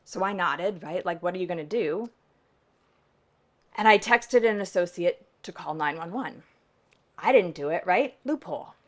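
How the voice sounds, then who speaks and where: A woman's voice: fairly low pitch, lively intonation, moderate pace, long pauses. Emphatic woman pastor telling a story. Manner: conversational and emphatic, often tagging "right?". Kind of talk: storytelling to a live audience.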